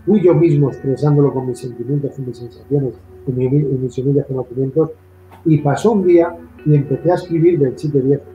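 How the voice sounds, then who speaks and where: A man's voice: mid-range voice, brisk, lo-fi sound, soft background music. A man from Madrid with a Castilian Spanish accent, hosting an interview in a long, rambling, repetitive way. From Madrid, Spain. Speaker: interview host. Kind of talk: casual interview chat. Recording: echoey room.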